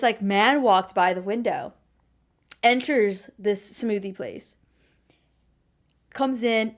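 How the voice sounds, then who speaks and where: A young adult woman co-hosting a podcast, telling a story in casual chat with lively delivery and sudden loud exclamations. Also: mid-range voice. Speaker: podcast co-host.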